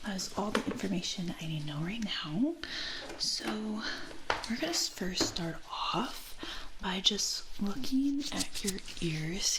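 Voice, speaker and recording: A woman in a whispered role-play as an ear examiner, speaking in a soft, breath-only whisper with a gentle, reassuring manner and frequent check-ins. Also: medium pitch, noisy background. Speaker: ASMR performer playing an ear examiner.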